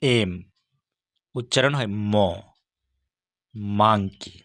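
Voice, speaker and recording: Male teacher, lowish voice, dry close recording, measured letter-by-letter explanation. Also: a bit bright, no echo. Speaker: English teacher. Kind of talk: scripted lesson on English consonant sounds.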